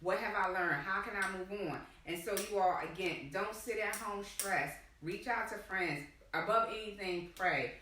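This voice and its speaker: Woman co-host, casual chat, bright tone, distant mic in a roomy space. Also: medium pitch, moderate pace, few pauses, a little hiss or hum. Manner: talkative, addresses listeners as y'all. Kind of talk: casual live-stream chat.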